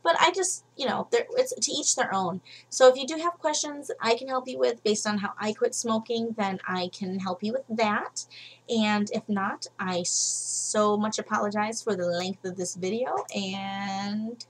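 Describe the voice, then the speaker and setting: A woman's voice: a little slow, slight background noise. A young woman vlogging casual advice from home, frank and chatty, with many fillers. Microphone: webcam. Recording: low-quality home webcam recording.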